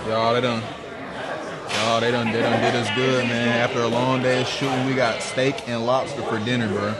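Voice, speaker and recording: Guy vlogging, chill and slangy, loud crowd all around. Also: mid-range voice, level tone, moderate pace. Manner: laid-back, slangy, repeats himself. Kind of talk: casual vlog chat. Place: outdoors at a shooting event.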